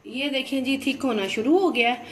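A chatty woman with a high-pitched voice runs a cooking channel, demonstrating a recipe in her home kitchen at normal speed and repeatedly inviting viewers to look. Dishes and utensils clatter in the background, with a little hiss or hum on the recording.

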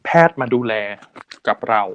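A man's voice: moderate pace, dull audio, a little hiss or hum. Curious, playful male podcast co-host. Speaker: podcast co-host asking questions. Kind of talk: casual chat.

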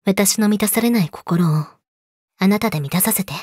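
A young woman playing a possessive yandere girlfriend, sweet but menacing, speaking softly and intimately to her lover in an audio drama. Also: mid-range voice, normal speed, slightly rough, no echo, clean studio sound, lightly acted. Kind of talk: Japanese situation voice audio drama, addressed to listener.

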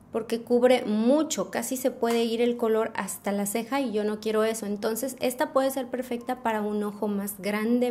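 A young woman with a Mexican accent, her voice sitting a little high, walks a viewer through a makeup tutorial step by step. She is patient and explains gently, sprinkling in fond little diminutives. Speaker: beauty vlogger.

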